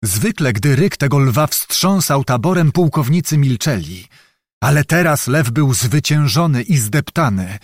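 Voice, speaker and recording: A man narrating an audiobook in a measured, dramatic reading. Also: mid-range voice, lively intonation, no echo, studio quality.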